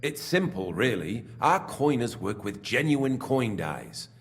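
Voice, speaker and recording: An actor playing a scheming middle-aged smelting works master in a video game, smug and evasive as he confesses his part in a silver racket. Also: measured pace. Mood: explaining. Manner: smug and evasive, lively pitch. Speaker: game character.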